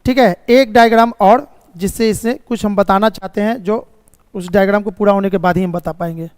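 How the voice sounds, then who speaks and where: A man's voice: sits high, steady tone, fairly quick, clear, resonant tone, no echo, in a large hall. A man teaching a reasoning class live, explaining step by step, checking often if students follow, and sometimes scolding them about the course. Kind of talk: live online class lecture.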